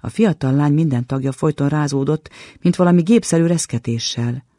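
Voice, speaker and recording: Gravelly-voiced man reading a story aloud. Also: on the high side, mellow, dry recording, studio quality. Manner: measured, dramatic storytelling with pauses. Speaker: literature program presenter reading a short story. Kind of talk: dramatic literary reading.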